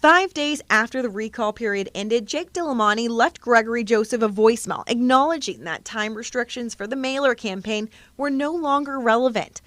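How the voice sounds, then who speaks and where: A woman's voice: fairly high pitch, moderate pace, hardly any pauses, fairly bright tone, no echo. An American woman reporter narrating a scripted investigative news exposé for television.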